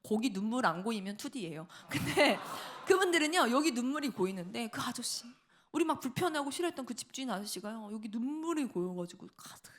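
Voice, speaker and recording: A middle-aged woman giving a sermon testimony in a church, telling her story with lively asides and acted-out quotes. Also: a little high, brisk. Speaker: preacher. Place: church sanctuary.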